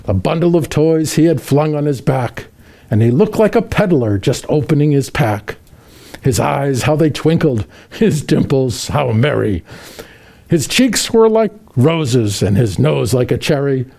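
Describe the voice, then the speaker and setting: Man playing Santa Claus, gravelly and mellow storyteller. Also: mid-range voice. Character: Santa Claus, jolly kindly old man. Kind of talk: reading a children's Christmas poem aloud.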